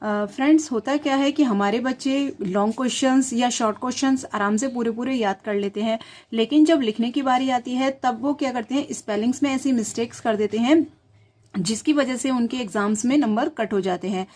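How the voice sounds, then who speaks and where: A woman's voice: a little high, brisk, a little mellow. A woman hosting a tutorial channel, patiently explaining to parents how to teach children spelling, sounding out words letter by letter.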